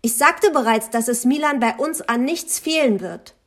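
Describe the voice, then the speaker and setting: A woman's voice: fairly high pitch, animated, normal speed, voice pushed up. A woman voicing a haughty older grandmother who scolds indignantly in an audiobook. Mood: outraged.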